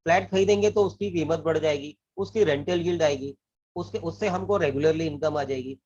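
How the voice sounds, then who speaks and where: High-voiced husky man explaining money. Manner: earnest, repeats and restarts phrases, mixes English terms into Hindi. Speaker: financial advisor. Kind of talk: explanatory talk to camera. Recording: dull lo-fi recording.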